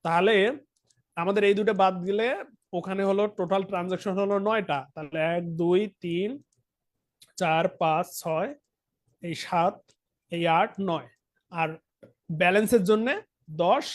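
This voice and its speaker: A young man with a Bangladeshi Bengali accent teaches an accounting class over a screen recording. His voice sits high for a man, and he keeps asking his students if they understand. He writes on a tablet as he explains. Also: fairly even intonation, moderate pace, pauses often. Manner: talks directly to students, asks frequent check questions. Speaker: accounting tutor. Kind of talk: online lesson, explaining while writing on a tablet.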